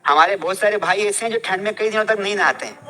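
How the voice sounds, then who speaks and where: A man's voice: high-pitched, fast talker, bright, forceful tone, poor audio. A man teaching English phrases in a casual classroom style, quizzing his listeners with repeated questions.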